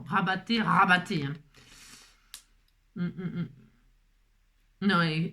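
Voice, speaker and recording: A woman hosting a casual scrapbooking tutorial, chatting with rambling asides and lots of fillers. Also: medium pitch. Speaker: craft tutorial host.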